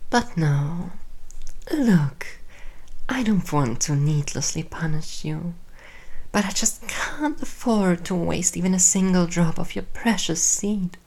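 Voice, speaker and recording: A woman playing a seductive, commanding queen in an intimate audio roleplay, talking in a breathy, whispery, teasing way. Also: fairly low pitch, slow, darkish tone, low-quality recording. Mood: soft teasing.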